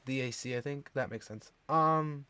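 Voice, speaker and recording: A young man chatting casually to his stream chat, jumping between excited outbursts and quiet mumbling. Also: medium pitch, moderate pace, clean tone, no echo.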